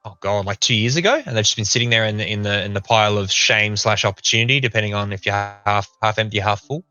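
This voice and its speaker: Low, bright-voiced man chatting casually. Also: quick pace, soft background music. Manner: relaxed, rambling, laughs often. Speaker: co-host painting miniatures. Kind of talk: casual livestream chat. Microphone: gaming headset.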